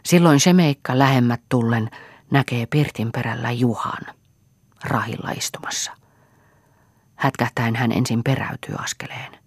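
A man reading a novel aloud as an audiobook narrator, in a measured, dramatic storytelling manner with soft, half-whispered asides. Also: medium pitch, no echo. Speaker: audiobook reader. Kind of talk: scripted narration.

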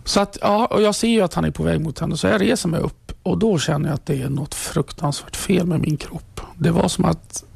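Gravelly, husky Swedish man recounting. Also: a little high, dry recording. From Sweden. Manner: halting, many restarts, drops to a whisper at grave moments. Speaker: interviewee, trained ambulance driver. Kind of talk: personal testimony in an interview.

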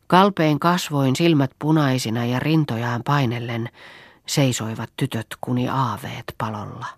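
A woman reading an audiobook aloud in scripted narration, with an even, measured delivery. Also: extremely low pitch, husky, dry recording, clean studio sound. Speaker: audiobook reader.

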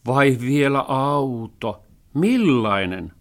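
A man voicing a thrifty, fussy male house cat who scolds and worries about money in a storybook reading. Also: sing-song. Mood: scolding. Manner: scolding, worried, high and loud.

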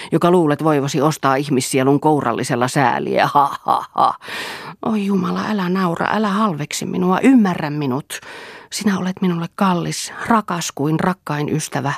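A woman's voice: deep voice, gravelly, no echo, studio quality. A woman reading an audiobook voices an anguished, bitter young man who cries out in scorn.

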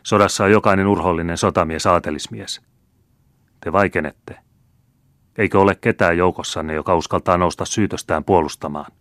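A fiery, proud young count, a beardless youth with a ringing yet slender voice, as an audiobook narrator puts him on. He speaks impassioned and rallying, raised and louder than the narration, in a dry, close sound. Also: sits low, steady tone, no room sound. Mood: indignant. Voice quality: ringing but still slender voice.

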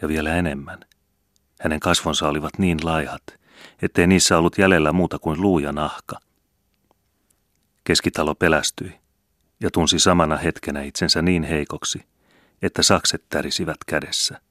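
A man reading an audiobook in measured, even storytelling. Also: extremely low pitch, dry recording, studio quality. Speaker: audiobook reader. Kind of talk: audiobook narration.

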